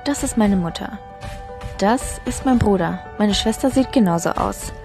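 Teen girl, calm voice-over narration with music behind. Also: medium pitch, moderate pace. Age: teens. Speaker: student introducing herself.

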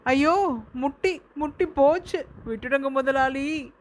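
A woman's voice: high-pitched, takes it slowly, pitched above the performer's own voice. Woman doing a wailing male prisoner in pain. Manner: crying out in agony, pleading.

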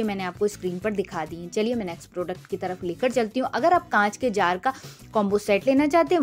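Woman touring a store, listing prices. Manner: upbeat sales-pitch, listing prices. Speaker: shopping vlogger. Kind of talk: store walkthrough narration. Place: large retail store.

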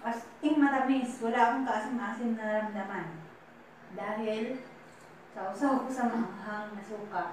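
A woman's voice: a little high, fairly even intonation, unhurried, a little hiss or hum. A young woman from the Philippines eating while talking, chatting casually to her viewers in a mukbang video. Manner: chatty, talks to viewers as "guys". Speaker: mukbang vlogger. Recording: very echoey room, mic far off.

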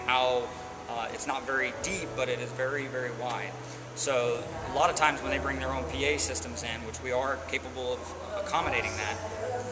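A man's voice: medium pitch, echoey room, heavy background noise. A man from the church staff giving a walkthrough, pointing out and explaining the building's video and sound setup. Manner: explains, points things out to the viewer.

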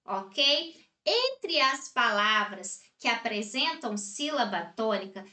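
A woman from Brazil teaching a recorded grammar lesson, explaining slowly and checking in with short tag questions. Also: a little high, sing-song, bright, forceful tone, roomy sound.

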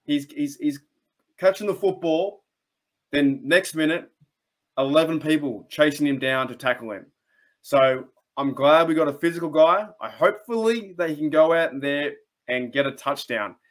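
A man's voice: fairly high pitch, normal speed. A young Australian man chats enthusiastically to his webcam about his team, often restarting his sentences and wandering into asides. He talks from a small room at home into a desk mic, in a loose, casual commentary style. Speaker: sports channel host. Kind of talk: casual fan commentary to camera.

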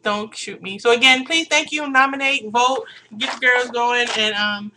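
A woman's voice: on the high side, moderate pace, sharp tone, a little hiss or hum. A woman vlogging casually, chatty and sassy, rambling and laughing often. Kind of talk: casual unscripted vlog.

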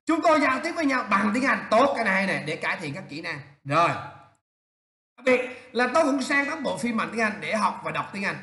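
A male English teacher correcting students' writing aloud, animated and teasing as he points out errors. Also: high voice, echoey room.

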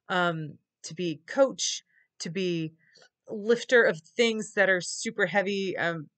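A woman's voice: on the low side, a bit bright. A middle-aged woman speaking casually and candidly to camera, weary and reflective. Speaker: vlogger. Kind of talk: casual confessional vlog talk. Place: small wood-paneled room indoors.

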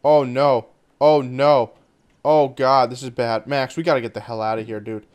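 A man's voice: mid-range voice, fairly even intonation, normal speed, a little mellow, clean tone, dry recording. A man hosting a casual multiplayer game session, talking his friends through the controls with lots of "um". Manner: guides the others through the controls, often with "um". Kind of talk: casual gaming chat.

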